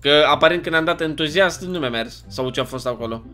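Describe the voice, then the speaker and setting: A man's voice: on the high side, soft background music. A young man with a Romanian accent, chatty and jokey, giving casual commentary while playing a video game. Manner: chatty, animated, jokey, often puzzled and exclaiming. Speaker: gaming YouTuber.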